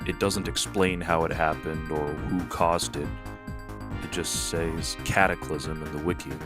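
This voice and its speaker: A man narrating a scripted video essay in a deliberately pompous, mocking tone. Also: extremely low pitch, little pitch movement, over music.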